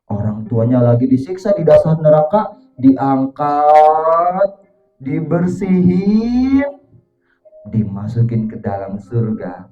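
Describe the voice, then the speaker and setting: A man telling a religious story to schoolchildren in a lively, dramatic way. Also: on the high side, takes it slowly, muffled recording. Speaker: children's storyteller. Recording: echoey room, faint music.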